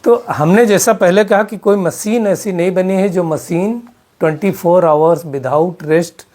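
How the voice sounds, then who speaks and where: A man's voice: a little high, darkish tone. Man, spiritual teacher, live talk, rhetorical questions, English words mixed in. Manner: keeps asking the audience rhetorical questions; mixes English terms into his Hindi.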